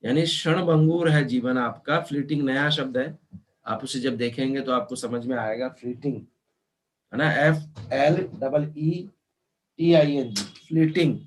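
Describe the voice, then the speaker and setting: Guy teaching an online class, really slow, spells stuff out letter by letter. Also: mid-range voice. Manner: mixes Hindi with English terms. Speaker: law teacher.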